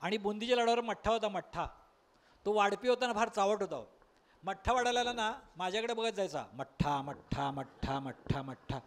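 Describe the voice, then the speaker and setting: Stand-up storyteller, man, high-pitched, lively, slips into sung lines and quick character voices. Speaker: stand-up comedian. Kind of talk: comic storytelling monologue. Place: live stage at a college workshop.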